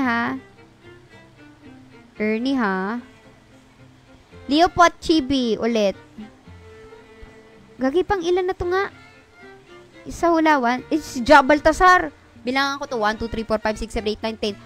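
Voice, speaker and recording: A young woman hosts a casual game livestream in a high, animated voice. Her tone is bright and her pace slow between loud, sudden shrieks and curses. Faint music plays behind her. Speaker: game streamer.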